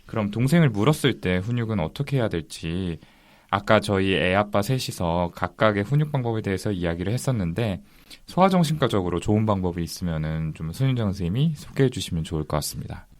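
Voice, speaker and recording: A man's voice: on the low side, lively intonation, quick pace, darkish tone. A man and father co-hosting a podcast, self-deprecating and laughing as he talks. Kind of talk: casual podcast chat.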